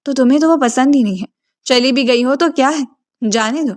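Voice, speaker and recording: A woman voicing a caring, gently teasing middle-aged mother in a storybook reading. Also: high-pitched, natural voice. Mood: fond.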